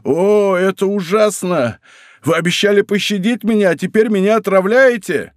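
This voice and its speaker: A man's voice: high voice, moderate pace, dry recording, studio quality, voice pushed up, lightly acted. A man voicing a dying, poisoned soldier who cries out in terror and accuses those around him. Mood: anguished accusing. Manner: anguished, pleading outcries.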